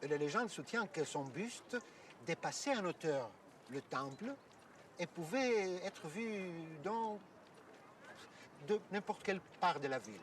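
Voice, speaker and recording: An actor playing a courteous, explanatory Orthodox priest who guides visitors outdoors, hesitating now and then with fillers. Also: male voice, high-pitched, expressive, unhurried, distant mic, a little hiss or hum. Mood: calm. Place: outdoors at an ancient site.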